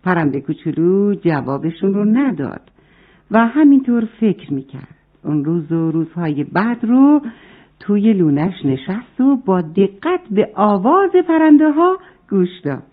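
Brief: female storyteller for kids, lively animated reading, thin phone-like sound. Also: mid-range voice. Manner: warm, addresses the children. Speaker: storyteller for children. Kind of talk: children's story narration.

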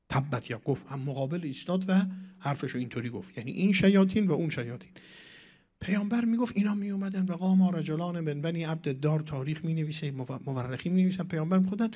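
Man preaching with dramatic loudness swings. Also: fairly high pitch. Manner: recites Arabic verses and Persian verse; dramatic swings between soft and loud. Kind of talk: religious lecture.

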